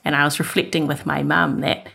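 A woman host with a low voice and a gravelly fry shares stories about her toddler in an open, chatty way. She talks easily and candidly. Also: flat delivery, a little fast, pushed and bright. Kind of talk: casual chat.

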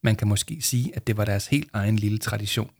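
A man narrating a children's storybook aloud in a calm storytelling manner. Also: fairly low pitch, creaky, slightly rough, no room sound, studio quality. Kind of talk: storybook reading.

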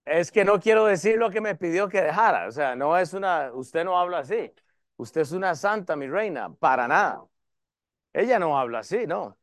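High-voiced man preaching a sermon. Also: normal speed, no room sound, clean studio sound. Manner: lively preaching, varies loudness and pace. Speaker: pastor.

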